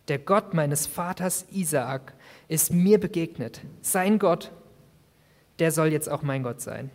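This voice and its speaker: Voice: medium pitch, a little mellow. Casting: emphatic youth preacher, dramatic first-person storytelling, long hall reverb.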